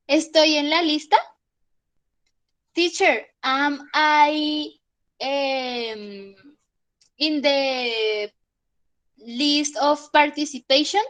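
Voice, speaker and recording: A woman teaching a class, her voice sitting high and bright. She explains patiently and keeps checking that everyone follows. The sound is close and dry, with no room around it. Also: no echo. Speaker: English teacher. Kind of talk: online class lecture.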